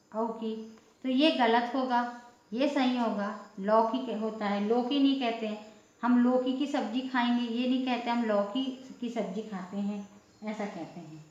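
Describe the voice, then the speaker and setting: A woman with a somewhat high voice teaches at a very slow, patient pace, repeating each word and asking checking questions. The sound is dull and lo-fi, and it rings in a roomy, echoey space. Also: darkish tone. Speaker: Hindi teacher. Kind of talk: slow explanatory lesson.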